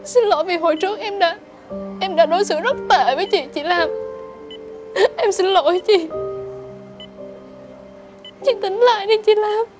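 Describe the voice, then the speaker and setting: A remorseful young woman pleads tearfully. She speaks softly and with feeling. Clear drama music runs underneath. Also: a little high, lively intonation, slow pace, pauses often. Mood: tearful pleading. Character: remorseful young sister-in-law at a hospital bedside.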